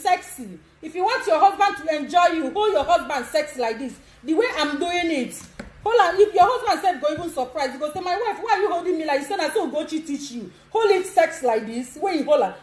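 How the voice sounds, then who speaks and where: High-voiced Nigerian woman, laughing. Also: reverberant, low-quality recording. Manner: bold, laughing, demonstrative, mixes pidgin. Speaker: vlogger giving advice. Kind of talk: casual instructional chat.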